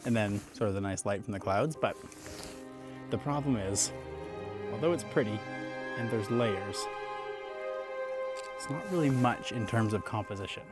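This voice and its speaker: Loud music plays behind a young landscape photographer as he talks to camera on a walk through snowy woods. His voice is fairly low, his pace moderate with long pauses, and he sounds relaxed and reflective but out of breath in this casual on-location vlog.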